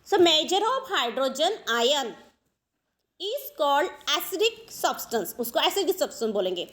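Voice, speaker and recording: A woman's voice: sits high, big pitch swings, slow, fairly bright tone. A woman teacher giving a science lesson, explaining step by step, asking questions and answering them herself. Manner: explains step by step, asks and answers her own questions, mixes English terms. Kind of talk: classroom science lecture.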